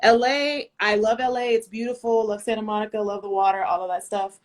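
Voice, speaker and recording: An American woman chatting casually, telling a lively story full of fillers and asides. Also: medium pitch, brisk. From United States. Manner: animated storyteller, lots of fillers. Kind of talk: casual chat.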